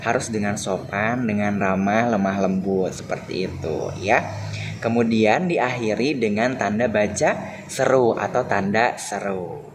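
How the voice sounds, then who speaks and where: A young man teaches a lesson to young children. He talks cheerfully, stretches his words slowly and acts out the example sentences. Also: fairly low pitch. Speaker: primary school teacher. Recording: noisy home recording.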